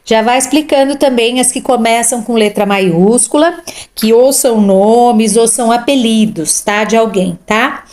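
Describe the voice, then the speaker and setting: A literacy teacher with a fairly high, darkish voice tutors children in reading at an unhurried pace. She sounds out syllables, says each word twice, and checks in often with "tá?" and "ó" in an instructive manner.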